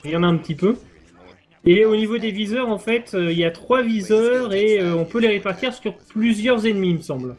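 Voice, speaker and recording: A man explaining game mechanics in measured live speedrun commentary, pausing with fillers. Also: high-pitched, a little mellow.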